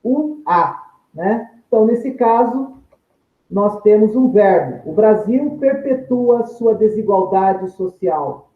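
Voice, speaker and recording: A man's voice: sits high, expressive, slow. A male teacher, giving a recorded grammar lesson in a methodical way, restating each term with synonyms and drawing out example words. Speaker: Portuguese teacher. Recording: echoey room, tinny phone-like sound.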